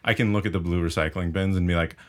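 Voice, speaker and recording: A man hosting a podcast, asking questions in a relaxed, joking way with loose phrasing. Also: sits low, rapid-fire. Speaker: podcast host. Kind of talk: casual interview chat.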